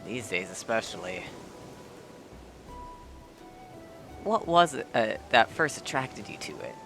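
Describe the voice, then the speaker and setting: A man voicing a talkative old male ship merchant, gruff and rambling. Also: medium pitch, big pitch swings, normal speed, music in the background. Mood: curious. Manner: gruff and rambling, drops dialect words.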